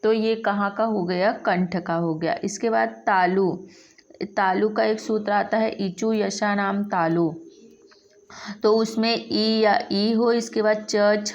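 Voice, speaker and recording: Slow-spoken woman teaching a lesson. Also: medium pitch. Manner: slow, repeats and spells out sounds one by one. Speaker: Sanskrit teacher. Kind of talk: classroom lesson.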